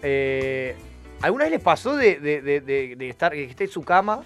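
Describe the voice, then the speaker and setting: A man's voice: on the high side, sing-song, moderate pace, soft background music. A young man with an Argentine accent, hosting a casual chat show in a playful, teasing way. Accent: Argentine Spanish. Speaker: podcast host.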